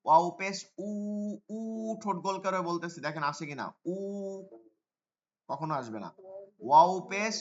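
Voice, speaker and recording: Male Quran tutor, slow repetitive drilling, slightly high voice, muffled lo-fi online audio. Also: animated. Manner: repetitive drilling, spelling sounds out slowly. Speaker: Quran teacher. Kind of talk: online recitation lesson. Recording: dull lo-fi sound.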